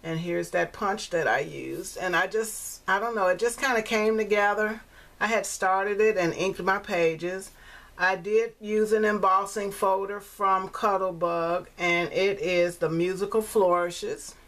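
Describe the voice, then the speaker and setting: A woman in her sixties showing her handmade card in a chatty vlog, repeating herself and filling pauses with ums. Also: mid-range voice, steady tone, fairly bright tone. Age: 60s. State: coughing, choking on fumes. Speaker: crafting vlogger. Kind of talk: casual show-and-tell vlog.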